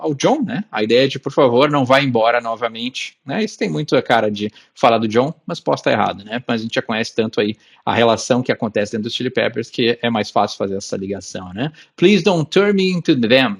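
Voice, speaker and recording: Husky Brazilian man explaining casually. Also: mid-range voice. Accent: Brazilian Portuguese. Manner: ends phrases with a questioning tag, reads English lines slowly. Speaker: channel host explaining song lyrics.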